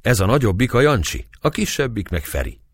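A man reading aloud and voicing a kind young noblewoman who speaks gently and coaxingly. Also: lowish voice, sing-song, husky, no echo, voice pushed up. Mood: gentle.

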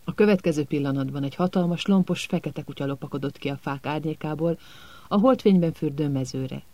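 A man narrating an audiobook in a calm, measured storytelling manner. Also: a little high, no room sound.

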